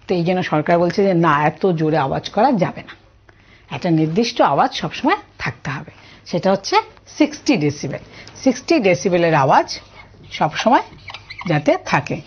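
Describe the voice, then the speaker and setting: A woman's voice: lowish voice, big pitch swings, fairly quick, slightly rough. A woman with a Bengali accent teaching an online science class, asking students questions and explaining step by step. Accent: Bengali, from Tripura. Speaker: science tutor. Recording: muffled lo-fi audio.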